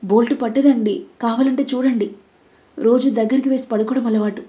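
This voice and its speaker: A woman's voice: a little high, fairly even intonation, brisk, warm tone, lo-fi sound, pitched above the performer's own voice, close to an everyday voice. A woman voicing a bold, cunning young woman who is trained in karate, in a Telugu audio story. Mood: feigned innocence. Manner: defiant, then feigning innocence.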